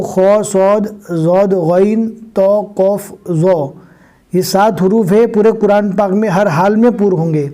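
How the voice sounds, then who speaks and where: A man teaching Quran reading, reciting verses in a slow drawn-out chant and then quickly explaining pronunciation, repeating words for practice. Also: high voice, mellow. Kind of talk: Quran recitation lesson with Hindi-Urdu explanations.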